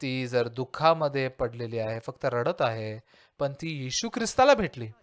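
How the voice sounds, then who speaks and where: A man's voice: mid-range voice, expressive, normal speed. A male pastor preaching a sermon and asking his listeners rhetorical questions.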